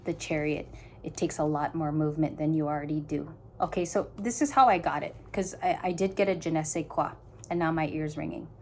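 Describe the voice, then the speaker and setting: A woman's voice: deep voice, fairly quick, darkish tone, slight background noise. A woman giving a casual tarot reading to her viewers, thinking aloud in stop-start phrases and talking earnestly straight to the listener. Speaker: tarot reader.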